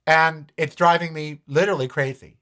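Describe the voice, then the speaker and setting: A middle-aged man in his fifties hosts a casual podcast in a voice that is forceful and bright. He sits a little higher than most men and talks with raw emotion, jumping from loud outbursts to hushed, shaky confessions aimed at his viewers. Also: moderate pace. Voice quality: expressive, emotional, swings between loud exclamations and quiet asides. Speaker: podcast host.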